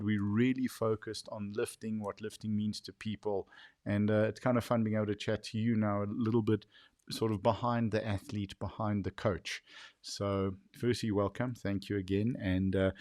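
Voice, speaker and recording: A man's voice: lowish voice, vocal fry, darkish tone, dry recording, studio quality. A man hosting a podcast, introducing the episode and then chatting in an easygoing way with a guest, laughing readily. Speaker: podcast host. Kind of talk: casual interview chat.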